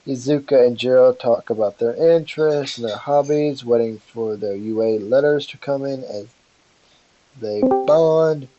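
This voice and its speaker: A man's voice: medium pitch, unhurried, mellow, a little hiss or hum. A man casually narrating a fan-fiction story over a voice call, rambling with fillers and asides. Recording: dry, dull lo-fi call audio.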